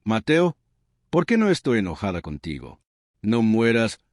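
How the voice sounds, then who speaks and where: Heartbroken storybook girl, male narrator voicing, desperate high cries, dry close sound. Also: big pitch swings, a little slow, dry recording.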